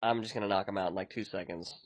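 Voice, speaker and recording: A man's voice: fairly low pitch, fairly even intonation, rapid-fire, no echo. A man hosting a podcast, talking in a casual, rambling way about his own work. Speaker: podcast host and indie game developer.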